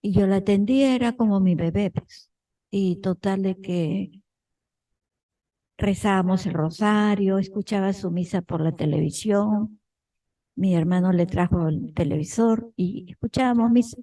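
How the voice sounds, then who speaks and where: A woman from a parish group telling her own story to the group at an unhurried pace. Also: medium pitch, dark tone, poor audio. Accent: Peruvian Spanish. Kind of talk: personal account in a group.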